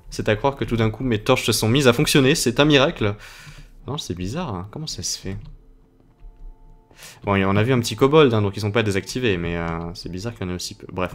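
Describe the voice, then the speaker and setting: A young French man casually commenting on his game for viewers, playful and chatty, with game music behind him. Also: lowish voice. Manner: chatty, playful, talking to viewers while playing. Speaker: gaming video host. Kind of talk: casual Let's Play commentary.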